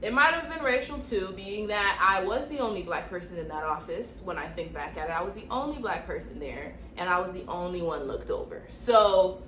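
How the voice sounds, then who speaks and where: A young woman talks straight to camera, direct and emphatic, hammering her points home by repeating them. Her voice sits a little low, and the room around her rings with echo and a faint hum behind. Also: expressive, brisk, few pauses, fairly bright tone. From Miami, Florida. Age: young adult. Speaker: nurse and vlogger. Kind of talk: casual storytime advice.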